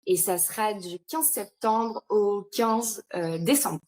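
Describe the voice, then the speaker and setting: A woman in a casual podcast conversation, talking about her work in a lively, chatty way with frequent fillers and laughs. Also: medium pitch, slow. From France. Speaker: founder of an entrepreneur retreat, podcast guest.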